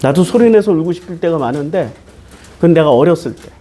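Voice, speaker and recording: A man's voice: a little high, lively intonation, quick pace, dark tone, a little hiss or hum. A man preaching a Bible-teaching sermon as pastor, talking casually and asking his listeners question after question. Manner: conversational, switching between polite and casual speech.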